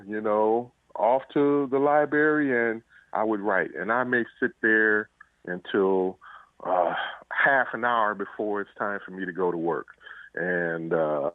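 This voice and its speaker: A medium-pitched man answers interview questions as an author, reflective and conversational, often saying "you know." The line sounds muffled and phone-like, without echo.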